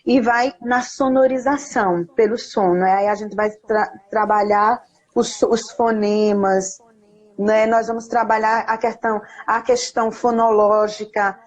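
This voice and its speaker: A woman speaking earnestly and encouragingly on a live video call, giving parents advice and reading scripture slowly. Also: fairly high pitch, steady tone. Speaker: invited guest speaker. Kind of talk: casual live chat with teaching tips. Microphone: phone or laptop on a live video call.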